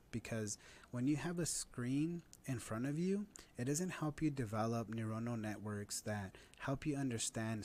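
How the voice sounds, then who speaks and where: A man's voice: mid-range voice, a little mellow, a little hiss or hum. A man in his thirties explaining parenting ideas in an earnest conversational way, often tagging points with "right?". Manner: earnest, uses "right?" as a tag. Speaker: guest expert on parenting.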